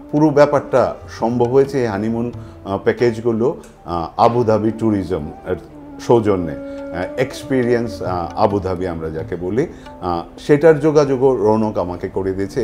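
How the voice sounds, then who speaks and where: Man, fairly low pitch, event host presenting a prize draw, halting deliberate phrasing, faint music in background. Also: dark tone. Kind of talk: event announcing, semi-scripted presentation. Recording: music playing behind the voice.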